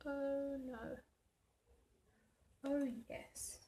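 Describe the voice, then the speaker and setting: Working through her planner, a woman from South Africa who grew up speaking Afrikaans chats away slowly, mutters as she goes, and makes self-deprecating remarks. Her voice is high-pitched and warm, with little movement in pitch. There's a faint hum of background noise.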